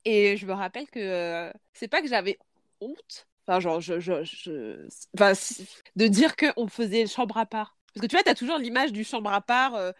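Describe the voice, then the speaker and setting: Woman, thirties, mid-pitched, hesitant and reflective, dry close sound. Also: animated, moderate pace, dry recording. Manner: hesitant, many fillers and restarts while thinking aloud. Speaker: podcast host parent. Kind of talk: casual podcast chat.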